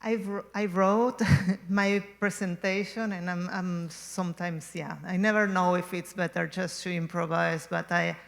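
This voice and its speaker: A woman's voice: on the low side, fairly even intonation, unhurried, vocal fry. A woman in her forties from Argentina giving a gallery talk as the guest artist, hesitant, with many ums and restarts. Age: 40s. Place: museum gallery.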